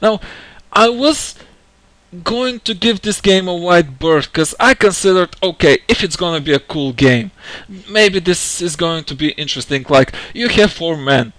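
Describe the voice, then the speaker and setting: A man with a fairly high voice in an angry gamer rant. He sounds exasperated and indignant, repeating phrases for emphasis. The recording is dry and close, with little room sound. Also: animated, unhurried, a bit bright, no room sound. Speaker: gamer giving opinion on a game franchise. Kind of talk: angry rant, unscripted video commentary.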